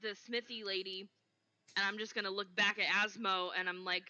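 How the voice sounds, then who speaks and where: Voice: mid-range voice, fairly even intonation, moderate pace, sharp tone, clean tone, lo-fi sound. A player in a tabletop game, chatting casually and teasing others with playful in-character quips. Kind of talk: casual tabletop role-play.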